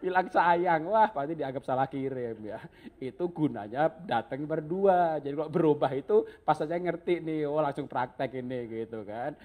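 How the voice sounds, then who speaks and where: A man's voice: on the high side, moderate pace, warm tone. A man preaching a humorous sermon, joking and chuckling often as he talks.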